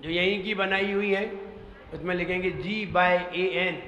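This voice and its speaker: A man preaches slowly in a high, bright voice. He asks his listeners questions and spells words out one letter at a time. The sound rings with long reverb from a large hall. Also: fairly even intonation, lo-fi sound. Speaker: Jain monk preacher. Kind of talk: sermon teaching pronunciation.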